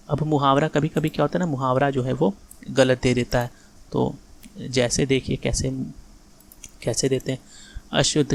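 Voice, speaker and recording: A man's voice: medium pitch, creaky. A man teaching a grammar exam-prep lesson in a casual lecture style, correcting sentences and often asking if the students follow. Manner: repeats corrections, checks understanding often.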